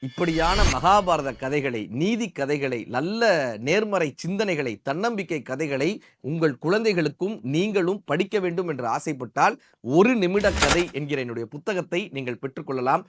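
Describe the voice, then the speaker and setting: A man's voice: expressive, moderate pace, over music. A man telling a devotional epic story with colloquial asides, his voice swelling and dropping with emotion. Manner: emotive, swells and drops in pitch and volume; colloquial spoken asides to listeners. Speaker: storyteller and motivational speaker.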